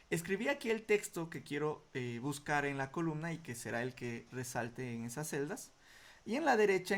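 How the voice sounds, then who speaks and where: A man teaching a software tutorial, explaining each step patiently and often checking in with short questions before answering his own. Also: fairly high pitch. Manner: asks rhetorical questions then answers them. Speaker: computer skills instructor. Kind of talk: screen-recorded software tutorial.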